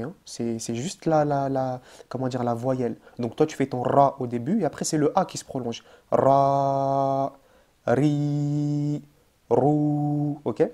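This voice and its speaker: A man's voice: medium pitch, warm tone. A man teaching an online Arabic lesson in French, chatty and informal, with many fillers and restarts. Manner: addresses the viewer informally as "tu". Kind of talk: casual online language lesson.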